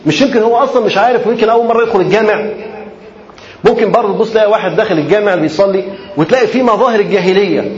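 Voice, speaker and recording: A man with an Egyptian accent delivers a sermon at a quick clip in a fairly high voice. He repeats short phrases for emphasis and slides between everyday and formal speech. The recording is echoey and a little muffled. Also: darkish tone. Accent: Egyptian Arabic. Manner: colloquial, repetitive and emphatic, mixing in formal Arabic. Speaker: preacher. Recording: muffled, roomy lecture recording.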